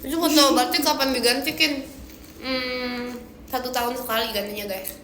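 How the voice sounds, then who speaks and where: Teasing high woman in booming echo. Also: steady tone, normal speed, a bit bright. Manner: teasing, chatty, laughs often. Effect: strong booming echo like a big hall. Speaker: livestream co-host. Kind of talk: casual chat on a livestream. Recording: echoey room, faint noise.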